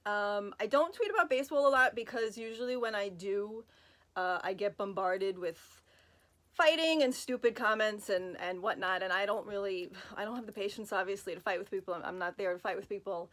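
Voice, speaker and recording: Medium in pitch and fairly bright, this woman's voice carries a Brooklyn, New York accent. She's sprawled in bed answering fan questions on a phone recording, chatty and rambling, poking fun at herself with plenty of fillers and asides.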